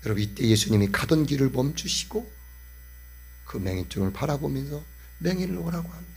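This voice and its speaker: A man's voice: medium pitch, creaky, darkish tone, breathy edge. A male pastor preaching a sermon with impassioned, emphatic repetition.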